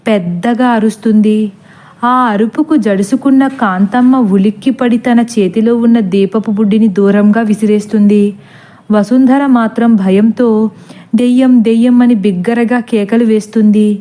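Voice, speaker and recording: Mellow-voiced woman narrating a horror story. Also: on the high side.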